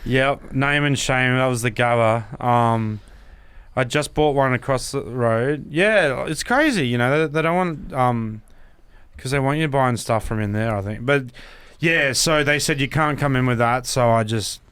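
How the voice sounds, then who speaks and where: An Australian man chatting as a podcast guest, laughing at himself as he goes. His voice is smooth and clear, recorded dry and close. He sits at a middling pitch. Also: unhurried, a bit bright, no room sound. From Brisbane, Australia. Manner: laughs often, self-deprecating. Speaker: guest comedian. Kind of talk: casual podcast chat.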